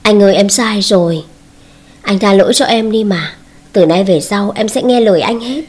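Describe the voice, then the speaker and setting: A woman's voice: medium pitch, moderate pace, darkish tone, husky, close to an everyday voice. A woman voicing a young wife who pleads tearfully with her husband for forgiveness, read as a storybook scene. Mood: pleading.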